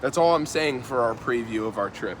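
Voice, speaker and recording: A man hosting a theme park live stream with friends, joking loudly and answering chat comments. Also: medium pitch, lively intonation, fairly quick. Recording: outdoor noise from the park.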